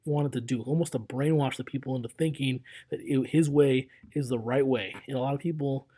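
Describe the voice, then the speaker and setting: A man's voice: mid-range voice, steady tone, fairly quick, dark tone, husky. A young man lecturing casually over slides as a history teacher, talking in a loose, conversational way with fillers and restarts.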